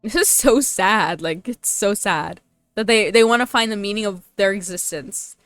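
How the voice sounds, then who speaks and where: Here a young woman plays a story game on stream, mixing slangy, teasing commentary with dialogue she reads out. She speaks at a normal speed in a medium pitch, her tone fairly bright and the sound free of echo.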